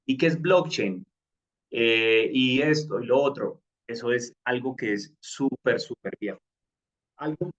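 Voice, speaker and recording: A man's voice: mid-range voice, muffled recording. A man explaining a topic in a live online class, with frequent fillers and restarts. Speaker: crypto course instructor.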